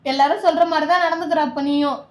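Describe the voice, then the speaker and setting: A young woman with a Tamil accent argues with her partner, pleading and insistent, her voice breaking with tears. She speaks in a high voice. The recording carries a roomy echo. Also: fairly even intonation, fast. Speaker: YouTube couple vlogger. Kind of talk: emotional prank argument.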